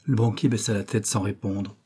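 A male audiobook narrator with a dark, mellow tone and a slightly husky grain. He reads the prose at a measured, even pace, keeping the storytelling steady and unhurried. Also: on the low side. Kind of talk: scripted literary narration.

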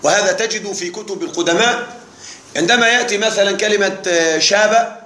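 A man with a high voice teaches grammar to a live class in a roomy, echoing hall. He explains patiently, repeats the key terms and keeps asking whether the students follow. Faint background noise sits under his voice. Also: brisk, bright, forceful tone. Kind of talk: classroom lesson.

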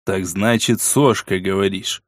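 Brief: a gruff wary man, curt and wry, lower pitch, dry studio audiobook read, by the narrator himself. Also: steady tone, unhurried, no room sound. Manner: curt, low and sardonic. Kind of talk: audiobook character voice.

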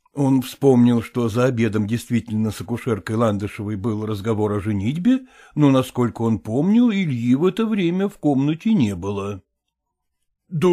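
A male audiobook narrator reading classic prose. His voice sits at a middle pitch with an expressive, moving melody. The delivery is measured and literary throughout.

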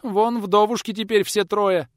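A male narrator voicing frightened, wailing peasant women in an audiobook, speaking high and shrill. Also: quick pace, clean tone, no echo, lightly acted. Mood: frightened pleading.

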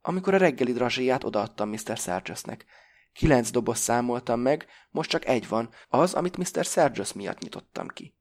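A man voicing a gentle but firm female flight attendant. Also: mid-range voice, sing-song, creaky. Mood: explaining.

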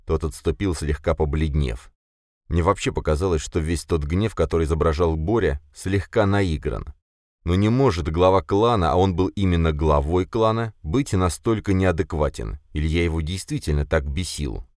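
A man narrating a first-person fantasy audiobook in a measured, expressive storytelling manner. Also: low voice, dry recording, clean studio sound.

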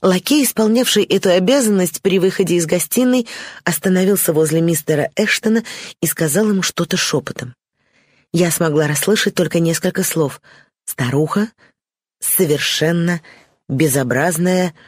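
A reader giving measured, scripted narration of a classic novel. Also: mid-range voice, no echo, studio quality. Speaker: audiobook reader.

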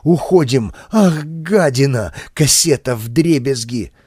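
A man's voice: mid-range voice, lively intonation, takes it slowly, darkish tone, breathy edge, no echo, clean studio sound. A man doing an agitated, jumpy official. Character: tired excitable male record-book official.

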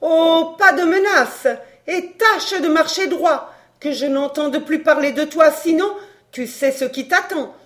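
Lady doing an angry stuck-up countess, high sharp voice, bossy and cutting. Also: a little slow. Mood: threatening. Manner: sharp, imperious scolding. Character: furious haughty countess, middle-aged woman.

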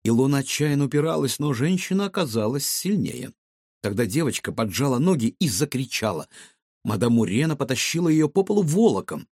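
A man reads a children's audiobook aloud in a husky, slightly high voice, with a lot of rise and fall. The recording is close and dry. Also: a little fast, dry recording. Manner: lively, expressive storytelling. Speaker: narrator. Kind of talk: audiobook narration of a children's story.

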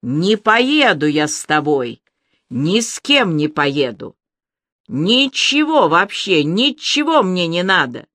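Brief: a reader putting on a drunk, shrill young woman, despairing, slow and dry. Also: big pitch swings, fairly bright tone, no room sound, heavily acted. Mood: hysterical. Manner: shrill, ringing and strained.

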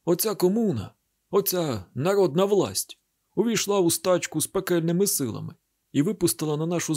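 A man's voice: fairly high pitch, darkish tone, breathy edge, heavily acted. A man voicing a bitter old village father, a cattle healer, in an audiobook drama reading, talking with heated, grieving reproach.

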